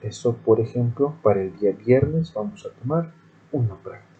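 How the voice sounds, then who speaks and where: Man, teacher, screen-recorded lesson, methodical, warm dark tone, slightly muffled recording. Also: mid-range voice, lively intonation, normal speed. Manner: methodical, step-by-step explaining.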